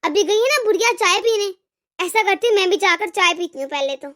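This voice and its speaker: Woman voicing an arrogant cartoon wife, very high, piercing, taunting, boastful. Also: brisk, fairly bright tone. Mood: scornful. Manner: taunting, sneering. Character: arrogant lazy young wife, scornful and boastful.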